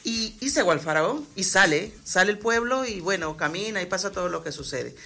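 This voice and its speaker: A woman's voice: mid-range voice, lively intonation, fairly quick, vocal fry, sharp tone, faint music behind. A woman pastor patiently explaining faith with everyday examples in a Bible study conversation.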